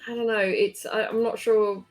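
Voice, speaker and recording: A woman's voice: on the high side, flat delivery, moderate pace, soft background music. A woman co-hosting a casual game podcast, reading store blurbs and chatting with some hesitation. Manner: reads store blurbs, hesitant, laughs softly. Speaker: podcast co-host.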